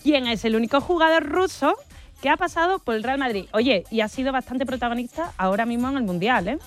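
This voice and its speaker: Playful higher-voiced woman host. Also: faint music behind. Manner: playful, quick questioning. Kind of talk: casual chat.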